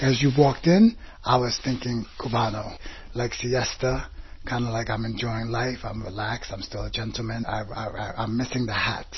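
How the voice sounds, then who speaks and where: A man who runs a clothing shop sizes up an outfit in an interview, sounding assured but often pausing on fillers. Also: mid-range voice, lo-fi sound, slight background noise. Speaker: clothing shop owner, style critic.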